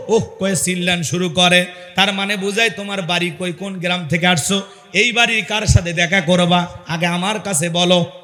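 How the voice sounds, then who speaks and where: A man preaching a fiery sermon at an outdoor gathering, calling on the crowd to answer and driving rhetorical questions through a loudspeaker microphone. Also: high-pitched. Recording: long echo of a loudspeaker.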